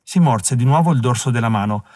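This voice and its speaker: A man reading an audiobook in a measured, even scripted narration, recorded on a close mic. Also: mid-range voice, no room sound.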